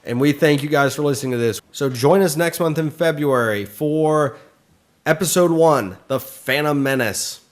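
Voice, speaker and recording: A man's voice: fairly high pitch, normal speed. A man co-hosting a casual podcast, chatting loosely and plugging the show with upbeat wrap-up energy. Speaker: podcast co-host.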